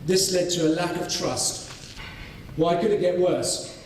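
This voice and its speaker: A man from North Wales, giving a conference presentation on his farming study, measured and full of ums and restarts. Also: sits high, steady tone, a little hiss or hum. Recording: echoey hall, voice from far off.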